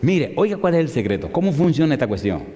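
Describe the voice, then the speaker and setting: Un pastor que predica y cuenta una historia, imitando con viveza las voces de una llamada telefónica. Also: male voice, fairly high pitch, quick pace. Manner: animated, acts out both sides of a phone call. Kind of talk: sermon with storytelling. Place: large hall in London. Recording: reverberant hall.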